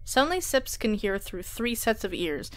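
A woman telling a tabletop game story as scripted narration, dramatic and expressive, on a close mic. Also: medium pitch, moderate pace.

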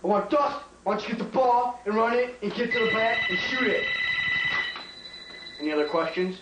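Teacher impression: bossy basketball coach played by a young man, high voice, barking, scolding, comedy skit, roomy camcorder sound. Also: expressive, moderate pace. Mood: brisk, instructing. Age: young adult. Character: bossy, hot-tempered male high school basketball coach. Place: home kitchen. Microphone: camcorder across the room. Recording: roomy, distant, hissy home camcorder.

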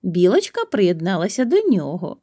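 A woman reading a children's story aloud, gentle and soft, sometimes dropping to a whisper. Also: medium pitch, wildly swooping pitch, normal speed.

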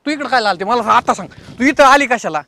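A man plays a cheating husband who sweet-talks and then defends himself. His voice is high and bright, and faint noise is heard behind him. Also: expressive, brisk, exaggerated voice. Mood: defensive. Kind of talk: comedy sketch acting.

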